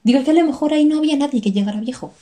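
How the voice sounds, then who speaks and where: Young woman, chatty co-host, rambling storyteller, slightly high voice. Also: racing, mellow. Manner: chatty, laughs often, rambling storyteller with self-corrections. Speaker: podcast co-host telling a story. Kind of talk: casual chat.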